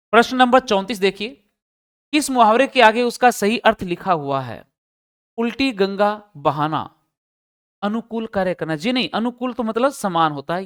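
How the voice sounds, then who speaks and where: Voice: mid-range voice, clear, resonant tone. A teacher in a live test-solution class who explains each answer step by step and poses questions to the students.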